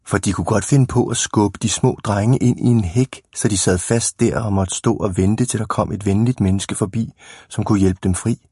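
A man reading a children's story aloud. He is a lively reader who slips into voices for the characters. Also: fairly low pitch, husky, no echo, studio quality.

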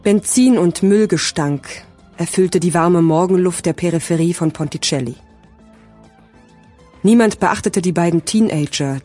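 A woman narrating a crime audiobook in a steady, measured way. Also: lowish voice.

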